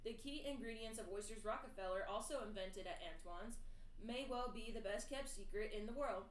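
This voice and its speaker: A woman's voice: medium pitch, normal speed, roomy sound, slight background noise. A woman co-hosting a casual podcast, reading fun facts aloud and stumbling over names.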